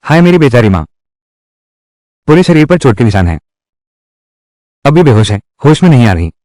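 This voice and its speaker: Lively man reading a dubbed drama. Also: mid-range voice, a little fast, dry recording, clean studio sound. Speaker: voice-over reader of a dubbed drama. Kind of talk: reading every character's lines in one voice.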